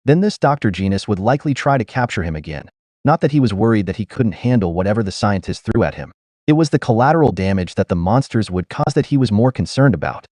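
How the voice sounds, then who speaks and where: Low, lively male storyteller. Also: dry recording, clean studio sound. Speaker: story narrator. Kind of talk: scripted narration.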